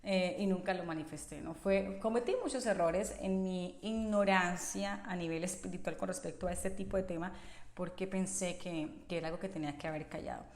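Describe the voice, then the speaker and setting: A woman's voice: on the low side, brisk, darkish tone. Earnest woman sharing a testimony, roomy echo. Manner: earnest and emotional, many restarts. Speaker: podcast speaker sharing a faith testimony. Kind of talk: personal testimony storytelling.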